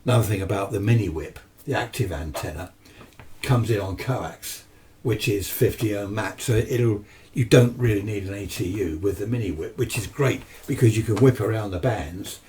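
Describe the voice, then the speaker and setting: Speaking at a normal speed, a British man with a slightly mellow voice on the low side chats about amateur radio. The talk is loose and unscripted, rambling but down-to-earth. He's in his home radio shack indoors, recorded from a distance with a noisy room around him.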